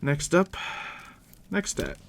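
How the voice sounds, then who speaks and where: A man with a fairly high yet hushed, gravelly voice acts as game master in an ASMR roleplay, laying out tabletop game rules. He speaks softly and without hurry, in a conversational tone aimed right at the listener. A fire crackles over steady background noise.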